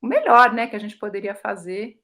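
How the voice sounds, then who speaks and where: A woman taking part in a study group, talking in an expressive, chatty way with lively swings in her voice. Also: medium pitch, brisk.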